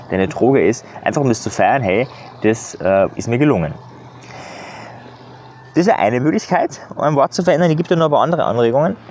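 A man's voice: fairly low pitch, a little mellow, a little hiss or hum. A man giving earnest, casual coaching advice in a motivational monologue, often adding "ja". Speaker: self-improvement coach. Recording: slightly dull recording.

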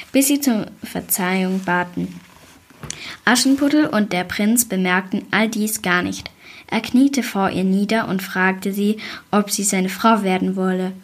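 A woman reading a fairy tale aloud in a calm, even storytelling voice. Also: medium pitch, husky.

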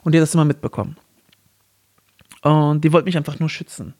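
A man co-hosting a talk podcast, telling a personal story in an animated way and acting out the voices of the people in it. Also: on the high side, quick pace. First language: Arabic. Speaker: podcast co-host. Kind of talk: casual storytelling chat.

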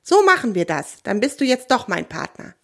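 Woman doing a little creature boy, storybook adventurer, eager, high and lively. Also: moderate pace, full character voice.

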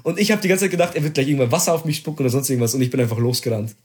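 A young man in casual chat, telling a story with excitement, slang and swearing. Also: medium pitch, rapid-fire, a little hiss or hum.

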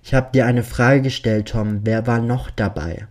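A man's voice: medium pitch, steady tone, moderate pace, gravelly, a little mellow. A man reading the lines of a vengeful young man who taunts his captives with impatient, mocking menace. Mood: taunting.

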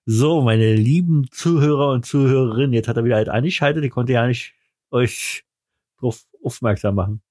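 A man with a German accent hosting a podcast in casual, teasing, excitable banter. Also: medium pitch, moderate pace. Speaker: podcast host.

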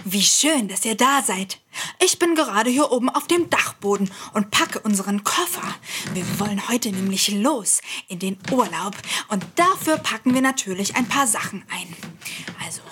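A young woman hosting a scripted children's audio show, coaxing and gentle as she talks to the children. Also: on the high side, husky.

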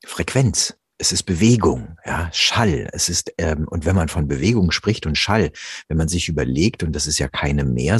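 A deep, very husky male voice with a dry, close sound. He works as a professional voice speaker and explains ideas reflectively in an interview. He stretches key words slowly for emphasis. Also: no echo. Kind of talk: conversational podcast interview.

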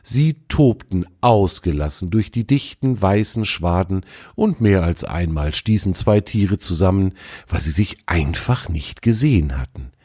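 A man's voice: low-pitched, animated, measured pace, darkish tone, husky, no room sound, clean studio sound. A man narrating a children's story in a storytelling manner.

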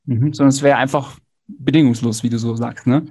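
A man's voice: medium pitch, steady tone, a little fast, dark tone, breathy edge. Reflective male podcast host. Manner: reflective, hedging with fillers. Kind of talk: casual podcast conversation.

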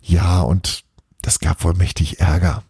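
Give me Santa's sheepish son explaining things, read by a man, dark and gravelly, for a storybook. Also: low-pitched, little pitch movement, a little slow, dry recording, clean studio sound, full character voice.

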